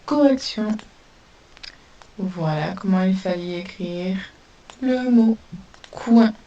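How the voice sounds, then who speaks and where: A woman teaching a spelling lesson to young pupils, dictating words slowly and sounding out each letter. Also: medium pitch, warm tone, highs cut off. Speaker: primary school teacher. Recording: distant mic with faint hiss.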